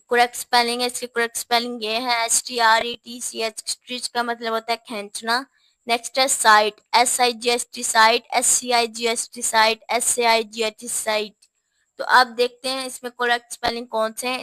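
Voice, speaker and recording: Slow letter-by-letter spelling teacher woman. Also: a little high, a bit bright, clean tone, no echo. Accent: Pakistani Urdu. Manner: spells words out letter by letter, slowly. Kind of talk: spelling lesson.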